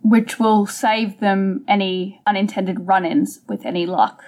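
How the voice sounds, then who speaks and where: A woman's voice: medium pitch, measured pace. A woman co-hosting a book podcast, steadily retelling the plot in a casual conversational way. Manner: steady storytelling, summarizing the plot. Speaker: podcast co-host.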